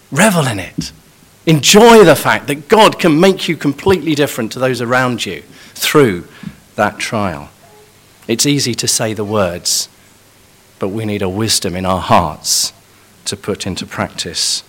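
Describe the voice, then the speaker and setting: A man's voice: mid-range voice, fairly bright tone. A man preaching a sermon in an earnest, emphatic way, pressing hard on key points.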